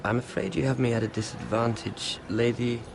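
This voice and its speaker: A man's voice: mid-range voice, steady tone, a little fast, vocal fry, natural voice. An actor playing a shy, self-effacing nobleman in a video game, hesitant, polite and apologetic. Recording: music behind the voice.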